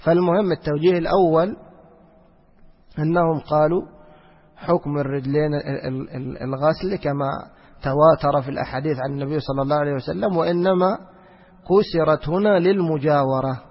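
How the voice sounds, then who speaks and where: Male teacher, slightly high and husky, repetitive question-and-answer lecture style, lo-fi hall recording. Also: fairly even intonation. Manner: explains by asking questions and answering them himself; repeats phrases, slows down to recite verses. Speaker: teacher of Quranic exegesis. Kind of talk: religious lesson. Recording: lo-fi recording with long hall reverb.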